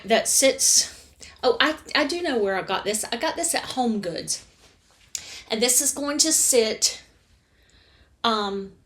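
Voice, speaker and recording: Woman book vlogger, middle-aged, slightly high voice, chatty and rambling, talks to a camera at home. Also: fairly bright tone. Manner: chatty, rambling, corrects herself often. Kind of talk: casual chat to camera. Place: home reading room, indoors.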